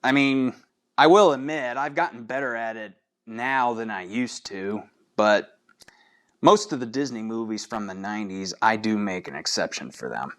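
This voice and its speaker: A podcast host with a voice on the low side runs a casual solo fan-trivia show at normal speed. He's chatty, throwing questions straight at his listeners.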